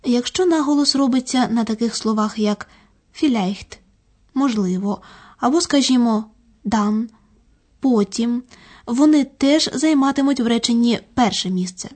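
A woman giving a scripted, measured grammar lecture. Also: fairly high pitch, a little mellow. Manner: measured, didactic. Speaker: language lecturer.

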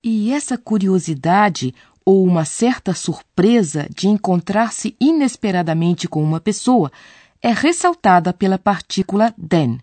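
A woman's voice: medium pitch, animated, unhurried, a little mellow, no echo. A woman co-presenting a scripted radio lesson, posing listeners' questions to the teacher in a conversational way. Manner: inquisitive, conversational.

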